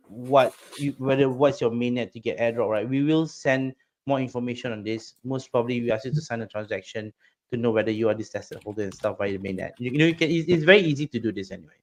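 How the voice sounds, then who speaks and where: A middle-aged man from Singapore chats on a podcast, rambling and excitable, with words that trip over each other. His pitch sits in a plain middle range. He talks casually, as if among friends. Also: brisk. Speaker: crypto project guest.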